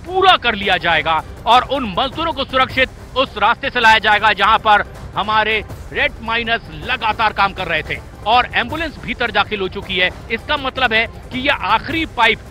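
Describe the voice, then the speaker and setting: A news anchor with a very high, piercingly bright voice gives live breaking-news commentary, urgent and emphatic, repeating key phrases to hammer them home. His intonation is lively, his speed normal, and he barely pauses. Faint music runs underneath a rough recording.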